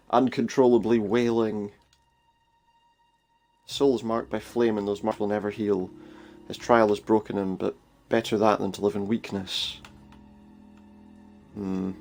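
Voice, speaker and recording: A man's voice: lowish voice, little pitch movement, a little slow, long pauses, a little mellow. A man hosting a game playthrough, musing wryly in casual commentary and reading game text aloud. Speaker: gaming video host.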